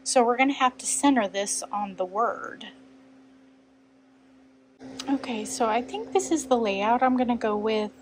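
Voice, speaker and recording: A woman's voice: on the high side, lively intonation, a little slow, pauses often, slight background noise, low-quality recording. A woman hosting a quilting tutorial, chatting and thinking aloud as she measures and cuts fabric at her sewing table. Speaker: quilting channel host. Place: sewing room at a cutting table.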